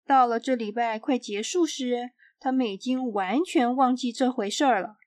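A woman reading a children's storybook aloud in a clear, expressive way. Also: on the high side, moderate pace, no echo.

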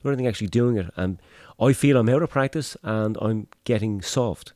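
A man's voice: on the low side, a little fast, darkish tone, no echo, clean studio sound. A man interviewing in a casual, chatty way, with tentative, rambling phrasing.

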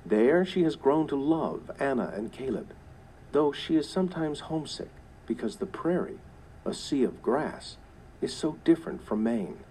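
Mellow man introducing a story. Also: mid-range voice, expressive, moderate pace, a little hiss or hum, low-quality recording. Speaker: audiobook narrator.

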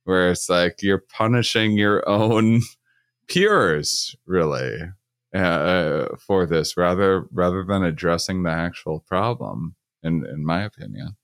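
A man hosting a casual conversation, talking haltingly with many repeated words and fillers. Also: deep voice, fairly bright tone, no echo, clean studio sound.

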